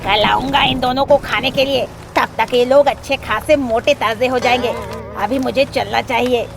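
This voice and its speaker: A woman's voice: on the high side, fairly even intonation, normal speed, gravelly. A woman voicing a hungry, menacing male eagle in a cartoon, cold and threatening. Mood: scheming.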